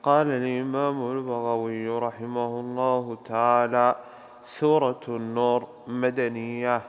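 A man formally reading a classical commentary aloud in a slow, careful recitation for his teacher. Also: medium pitch, little pitch movement, clear, resonant tone, big-room sound.

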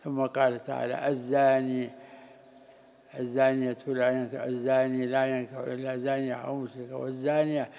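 A man teaching a religious lesson, explaining verses in a measured, even way. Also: medium pitch, creaky. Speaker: Islamic scholar teaching tafsir.

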